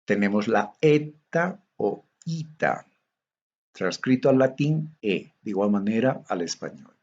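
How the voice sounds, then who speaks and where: A Bolivian man delivers a recorded theology lecture, working slowly and methodically through tables of Greek letters. His medium-pitched voice has a darkish tone and is slightly rough, in lo-fi audio.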